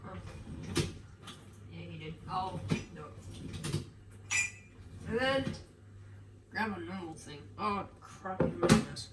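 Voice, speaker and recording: This vlogger's voice sits on the low side and nasal, with lively intonation, a slow pace and long pauses as she chats casually through a get-ready-with-me video. She rambles, uses many fillers and corrects herself while wandering her home's kitchen and rooms, recorded off-mic in echoey rooms with household sounds.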